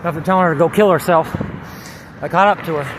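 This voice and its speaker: High voiced guy out of breath on a bike, cussing and rambling, super windy noisy mic. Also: fast. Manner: profane, ranting, repeating filler phrases. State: exhausted, winded from riding. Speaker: cycling vlogger. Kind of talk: rambling casual vlog while riding a bike. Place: outdoors on a moving bicycle along streets. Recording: loud wind noise on the mic. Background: wind and vehicle noise.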